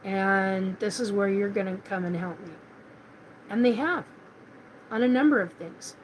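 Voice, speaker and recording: Hosting a paranormal live stream, this middle-aged Washington State woman talks in a loose, rambling way, peppered with fillers and false starts. She speaks at a measured pace in a medium-pitched voice. The low-quality recording carries a faint hiss or hum.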